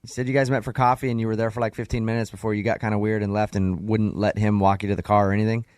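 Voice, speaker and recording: A man's voice: on the low side, flat delivery, very fast, darkish tone, clean tone, dry recording. A male morning radio host on a studio microphone, teasing a caller with wry remarks. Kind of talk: morning radio show banter.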